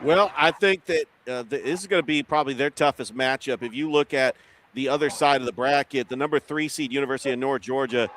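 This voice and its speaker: A man giving conversational sports analysis as a co-host on a show. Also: on the high side. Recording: noisy outdoor ambience.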